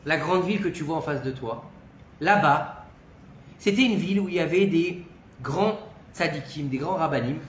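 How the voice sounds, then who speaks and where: A man's voice: on the high side, moderate pace, echoey room, lo-fi sound, slight background noise, voice pushed down, lightly acted. A man voicing a curt, dismissive old man who turns out to be the evil inclination, told in a spoken tale. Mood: grave.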